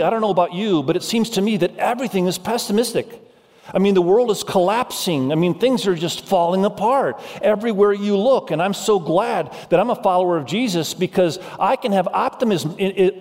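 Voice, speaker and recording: A man who grew up in Indonesia, preaching a sermon as pastor, urging the congregation with animated delivery. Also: high-pitched, big-room sound.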